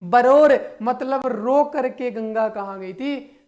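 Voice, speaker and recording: A man's voice: extremely high pitch, slow pace, darkish tone, lo-fi sound. A man coaching students for exams, teaching through playful mnemonic stories and rhetorical questions, often calling his listeners brother and friends. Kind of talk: energetic exam-prep lesson.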